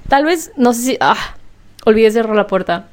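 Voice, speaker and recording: A young woman talks casually to the camera from her home, her voice set a little high and still slightly hoarse. She chats in a relaxed way, laughing often and clearing her throat now and then. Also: normal speed. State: slightly hoarse after illness. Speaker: vlogger. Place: home room. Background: washing machine.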